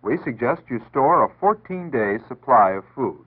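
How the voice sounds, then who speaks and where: A husky American male voice of medium pitch, very animated and at a moderate pace, reads out a 1960s civil defense announcement from a script. The delivery is formal, earnest and instructive. It is heard through tinny, band-limited 1960s-style radio archive sound.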